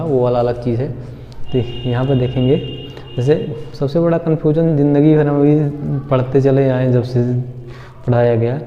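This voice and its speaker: Slow patient male pronunciation teacher. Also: mid-range voice. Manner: patient, repetitive, drills words aloud and keeps asking "what will we say?". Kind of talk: Hindi-language pronunciation lesson. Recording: echoey room, dull lo-fi sound.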